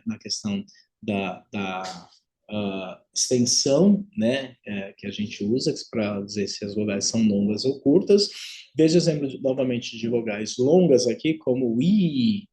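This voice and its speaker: A man with a Brazilian Portuguese accent lecturing on English phonetics in an online class, repeating example words slowly and with stress. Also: medium pitch, warm tone.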